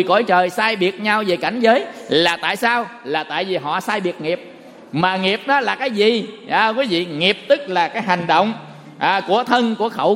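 High-voiced monk in an echoing hall. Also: male voice. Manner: folksy, animated storyteller who quizzes the audience. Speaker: Buddhist monk. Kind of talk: dharma talk with storytelling. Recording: long hall reverb.

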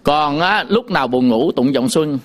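A man teaching sutra chanting, explaining in quick casual talk and breaking into slow, drawn-out chanted demonstrations. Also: on the high side, animated. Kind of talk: chanting lesson with sung demonstrations.

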